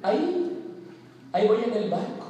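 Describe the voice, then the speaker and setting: A man's voice: sits high, big pitch swings, unhurried, mellow, slight background noise. A man preaching a sermon to a congregation, emphatic and repeating his key phrases, telling a parable along the way. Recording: echoey hall from far off with a congregation. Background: congregation answering.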